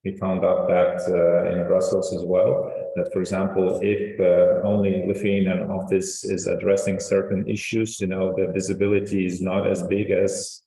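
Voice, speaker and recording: A man on a panel who gave a presentation, adding comments in a measured, explanatory way. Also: deep voice, flat delivery, warm tone, roomy sound, poor audio. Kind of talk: panel discussion.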